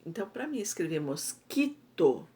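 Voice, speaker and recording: A woman's voice: on the low side, big pitch swings, mellow. A Brazilian Portuguese woman teaching a first-grade class, patiently explaining and sounding out syllables. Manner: patient, drawn-out syllables, frequent "tá?". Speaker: primary school teacher. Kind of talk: slow explanatory class lesson.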